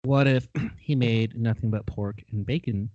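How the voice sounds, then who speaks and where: A man's voice: medium pitch, measured pace, darkish tone, no echo, lo-fi sound. A man co-hosting a movie podcast, trading jokes in casual chat. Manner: joking, wisecracking. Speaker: podcast co-host.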